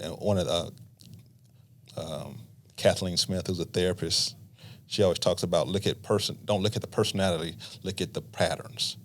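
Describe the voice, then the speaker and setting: A middle-aged man, a marriage counselor on a podcast, explaining in a relaxed, talkative way and acting out couples' lines. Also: fairly low pitch. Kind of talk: casual podcast conversation.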